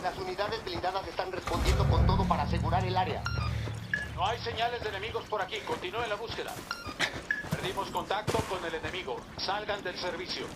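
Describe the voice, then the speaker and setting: An actor playing an enemy military commander giving orders over radio chatter in a video game. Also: male voice, high-pitched, fairly even intonation, fast, over loud music, natural voice. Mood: clipped, commanding.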